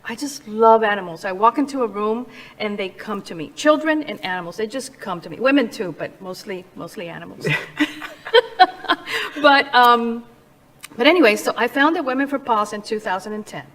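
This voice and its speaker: A woman's voice: mid-range voice, normal speed, a bit bright, low-quality recording. A middle-aged woman from Cuba, a charity founder and interview guest, speaking earnestly and passionately about her work. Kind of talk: interview conversation.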